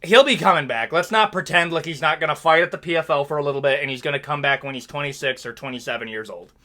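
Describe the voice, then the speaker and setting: A young man giving a casual, joking fight recap, animated and frequently tagging lines with "okay?" and "bro.". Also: a little high, fast. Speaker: MMA commentary YouTuber.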